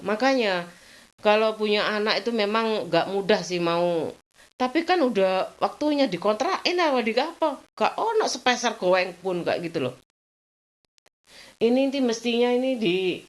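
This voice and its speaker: A middle-aged woman, chatting at home in a rambling, venting way, her voice jumping up in complaint and sinking to low murmurs. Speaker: vlogger. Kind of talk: casual chat.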